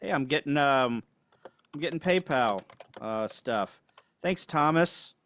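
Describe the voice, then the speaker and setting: A man's voice: on the high side, lively intonation, slow pace, a bit bright. A man co-hosting a ham radio livestream in casual chat. He is laid-back, chuckles often and reads viewer comments aloud. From United States.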